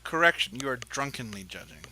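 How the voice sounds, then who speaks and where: Bright-voiced man running a tabletop game. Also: medium pitch, sing-song, slight background noise, rough recording. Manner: brisk, teasing, eggs players on. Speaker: game master.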